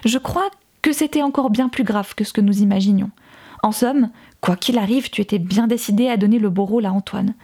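A woman's voice: medium pitch, fairly quick, mellow, lightly acted. A woman reading the lines of an exasperated young woman who confronts a rival with cutting rhetorical questions, in an audiobook.

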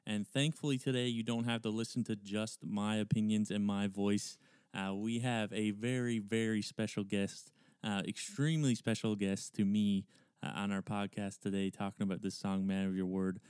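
Clear, low-voiced man hosting a podcast. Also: fairly even intonation, moderate pace, a little mellow, no echo, studio quality. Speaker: podcast host. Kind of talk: casual conversational podcast hosting.

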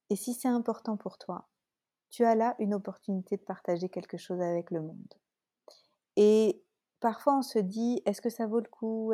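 A woman's voice: medium pitch, dark tone, dry recording, clean studio sound. A woman with a French accent hosting her own podcast, talking casually and reflectively, with many hesitations and restarts. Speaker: podcast host and coach. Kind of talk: casual solo podcast talk.

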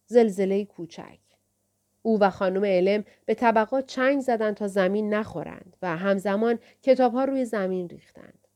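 A woman reading an audiobook aloud in a measured, lyrical way. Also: mid-range voice, dark tone. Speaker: audiobook narrator. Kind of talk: audiobook narration.

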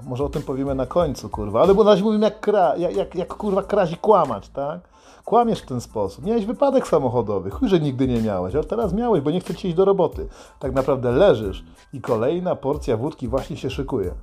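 A man's voice: mid-range voice, darkish tone, slightly rough. A man delivering a crude, sardonic comic monologue full of swearing. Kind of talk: profane satirical monologue.

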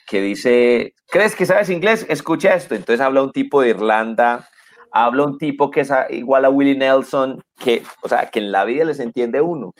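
Guy chatting casually, lively storyteller. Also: medium pitch. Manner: animated storyteller, acts out quotes. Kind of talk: casual chat.

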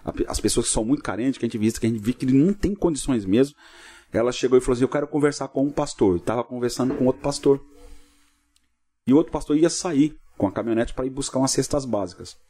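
A man, a pastor guest on a podcast, telling a long story in a casual interview, lively and acting out what people said. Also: medium pitch. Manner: fast, vivid storyteller acting out dialogue.

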